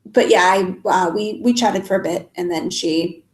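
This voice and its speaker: Her fairly low-pitched voice moves at a normal speed as she, a stuffed-up and sniffly young adult YouTuber, answers live chat questions casually with plenty of ums and restarts. The recording carries the echo of the room.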